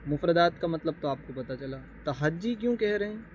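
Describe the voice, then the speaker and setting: A man with a somewhat high voice gives a patient beginners' lesson on reading the Quran. He explains each term, checks that his listeners follow, and sounds out Arabic letters slowly one at a time. Faint traffic hums in the background. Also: lively intonation, low-quality recording. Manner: patient, repeats terms and checks with "okay?".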